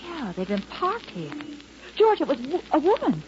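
A woman's voice: sits high, big pitch swings, normal speed. An actress playing a plucky, fussing young detective's assistant, girlish and exclamatory, in a 1940s radio drama. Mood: concerned. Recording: muffled, noisy vintage radio recording.

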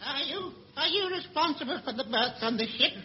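A woman's voice: high-pitched, animated, brisk, a crowd in the background. A woman playing a prim, indignant lady passenger with an aggrieved manner in a radio comedy sketch. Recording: muffled old recording with audience.

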